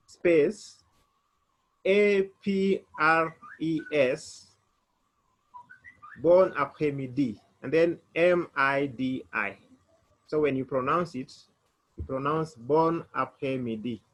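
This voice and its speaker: A man's voice: on the high side, very slow, pauses often. A man teaching a beginner French lesson online, spelling words out letter by letter.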